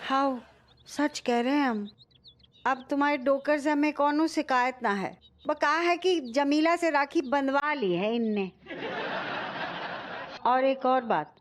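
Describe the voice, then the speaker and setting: A slow, high-voiced old mother. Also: a little hiss or hum. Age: older. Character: stern older mother scolding her family. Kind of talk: sitcom acting.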